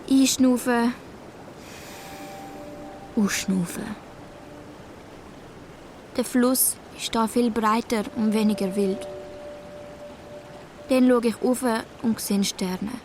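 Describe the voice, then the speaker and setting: A young actress with a Swiss accent playing a troubled schoolgirl, quietly narrating a radio play in the first person. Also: on the high side, a little hiss or hum. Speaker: narrator and main character.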